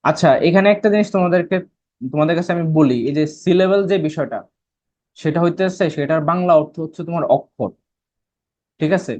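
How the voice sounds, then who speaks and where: A Bengali-speaking man with a Bangladeshi accent teaches English grammar for admission tests in an online class. He explains step by step and checks that students are following. His voice is a little high, mellow, and a little fast, with the highs cut off.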